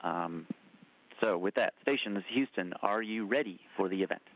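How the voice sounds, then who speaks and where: A man calls stations in clipped, formal radio protocol, his low voice squeezed through a tinny mission control loop. It sounds like a communicator channel, narrow and thin, with an even, procedural delivery. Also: moderate pace. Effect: tinny space-to-ground radio loop.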